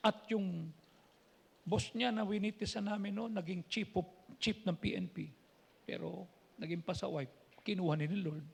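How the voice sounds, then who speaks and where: A man's voice: sits high, steady tone, moderate pace, creaky, slightly rough. A man with a Filipino accent preaching a sermon as a pastor, telling stories in a conversational way and switching between languages. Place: church.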